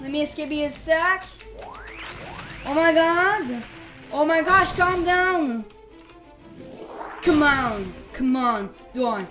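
A female gamer giving excited live gameplay commentary, repeating exclamations and casual slang like bro. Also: sits high, takes it slowly, pauses often, soft background music. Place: voice-over on screen-recorded gameplay, game music behind.

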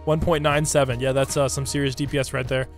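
A man with a hoarse, raspy smoker's voice, recovering from losing it, giving slangy, hyped game commentary to his viewers over music. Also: medium pitch, flat delivery, fast talker. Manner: slangy hype talk addressed to viewers. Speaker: gaming YouTuber. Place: indoor room at a computer. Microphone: desk microphone close to the mouth.

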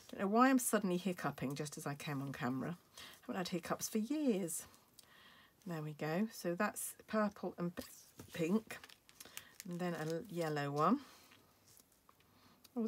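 Hiccuping UK woman, casual craft demonstrator, slightly low, chatty and apologetic. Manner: chatty, apologetic, frequent ums. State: has hiccups.

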